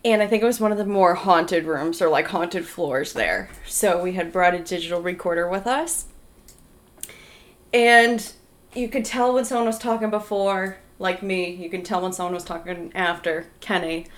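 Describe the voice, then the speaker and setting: A woman's voice: lowish voice, fairly even intonation, normal speed. A young adult woman, a podcast guest, earnestly telling stories in casual chat with many fillers. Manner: earnest, filler-heavy storytelling.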